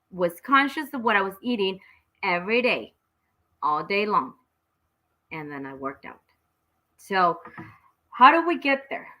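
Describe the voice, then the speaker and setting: A woman's voice: medium pitch, bright, forceful tone, poor audio. A woman hosting an interview, chatty and enthusiastic, reacting with exclamations and talking openly about her own goals. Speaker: host. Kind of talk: casual interview chat.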